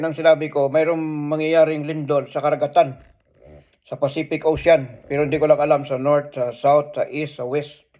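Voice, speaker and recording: Earnest man telling his dream stories. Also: on the high side. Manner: earnest, halting, many restarts and pauses. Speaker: storyteller recounting prophetic dreams. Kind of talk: casual first-person storytelling. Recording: dull lo-fi sound.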